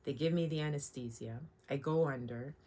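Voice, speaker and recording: A woman's voice: rumbling low, normal speed, warm tone, poor audio. A woman of forty-nine talking casually to her vlog, candid, sweary and rambling with asides, sounding sore and a little shaken after surgery.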